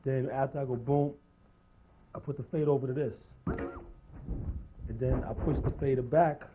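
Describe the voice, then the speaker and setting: A man's voice: medium pitch, fairly even intonation, unhurried, poor audio. A man demonstrating a beat-juggling routine, explaining each step casually while he works the turntables. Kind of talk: step-by-step tutorial over turntables. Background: record scratching and music.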